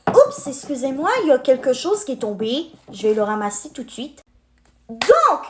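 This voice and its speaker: High, lively young woman vlogger. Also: echoey room. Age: 20s. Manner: talks straight to her viewers, friendly and chatty. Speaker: unboxing vlogger. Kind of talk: chatty unboxing video.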